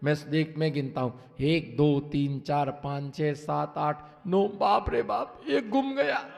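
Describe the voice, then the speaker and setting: A man preaches as a Jain monk, his high voice slow and sing-song as he recites folk rhymes and acts out parables. He calls out to the listeners and waits for them to answer. His voice rings with the long reverb of a large hall. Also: gravelly, darkish tone.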